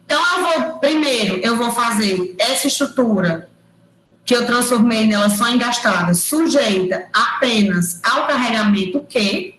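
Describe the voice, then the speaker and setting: A woman's voice: a little high, animated, measured pace, a bit bright, echoey room, a little hiss or hum, poor audio. Woman lecturer explaining step by step. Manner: explains step by step, checks in with tag questions. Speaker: university lecturer. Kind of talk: online engineering lecture. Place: room at home or office, recorded over a digital platform. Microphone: computer mic on a video call.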